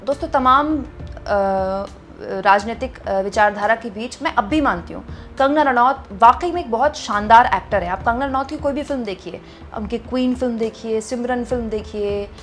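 Chatty woman news commentator, higher voice. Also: normal speed, a bit bright, faint music behind. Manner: conversational, addresses viewers as friends, frequent hesitations. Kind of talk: reading viewer comments with commentary.

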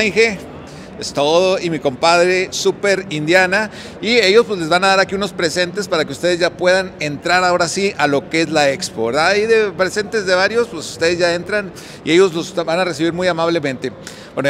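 A man's voice: sits high, a little fast. Chatty man at a busy expo. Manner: chatty, relaxed, frequent fillers and restarts. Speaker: vlog host touring an electrical expo. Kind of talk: casual on-the-spot walkthrough and interviews. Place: indoor expo hall. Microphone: handheld mic. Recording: noisy expo hall.

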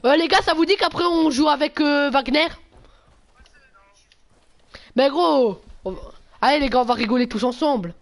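A male streamer, chatting casually with viewers during a live game, full of slang and swearing, with sudden loud yelps. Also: very high voice, moderate pace, creaky, pauses often. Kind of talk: casual gameplay livestream chat.

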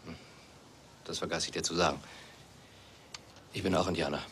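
An actor playing a calm, firm half-Native man who gives orders, in a film dub. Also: sits low, moderate pace, slight background noise. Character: grown half-Native man, steady and commanding.

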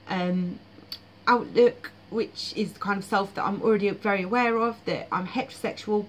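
A woman's voice: mid-range voice, a little hiss or hum, poor audio. A woman vlogging about her dreams in casual, frank, blunt monologue with frequent fillers.

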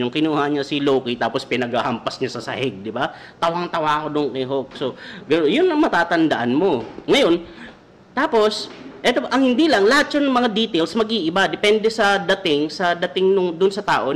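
Jokey Filipino man teaching Bible. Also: a little high. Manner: jokey, animated, keeps checking in with the audience. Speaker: devotional show host. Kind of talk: comedic Bible study livestream.

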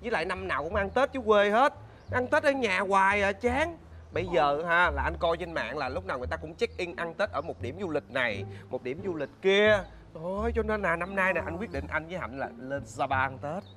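A man's voice: sits high, expressive, a little fast, a crowd in the background. A man acting a neighbor in a comedy sketch, persuasive and enthusiastic. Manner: persuasive, enthusiastic, repeats words.

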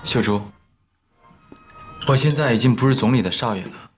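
A man's voice: medium pitch, moderate pace, dull audio, lightly acted. A male actor playing a young man from a fallen wealthy family, speaking in a subdued, weary way in a period TV drama. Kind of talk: TV drama dialogue. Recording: drama soundtrack with background music.

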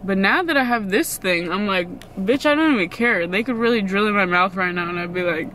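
Woman in her twenties, casual vlog chat, medium pitch, blunt and slangy, sweary, noticeable background noise. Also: fairly quick, sharp tone. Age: 20s. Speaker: vlogger. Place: parked car and a room at home.

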